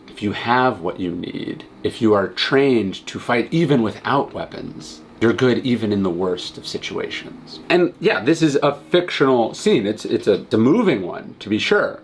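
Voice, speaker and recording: A man's voice: medium pitch, a little hiss or hum. A man giving a casual but earnest commentary on philosophy and a film, repeating words and building to emphatic points. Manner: earnest, emphatic, rising intensity on key points; verbal restarts, conversational. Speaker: host.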